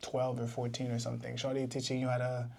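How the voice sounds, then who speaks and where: A man co-hosting a casual podcast chat, joking and bursting into loud outbursts. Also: medium pitch, completely flat delivery, fast talker, vocal fry, heavy background noise. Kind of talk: casual banter.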